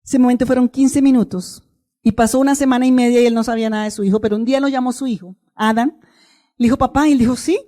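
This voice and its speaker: A woman's voice: a little high, steady tone, quick pace. A woman preaching a sermon, urging the congregation to repeat her words after her. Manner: calls the congregation to repeat phrases; emphatic, rising to forceful exclamations.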